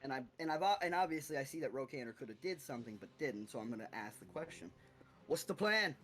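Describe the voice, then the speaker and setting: A man's voice: medium pitch, lively intonation, fast. A man chatting casually as a player in a tabletop game, rambling and thinking aloud.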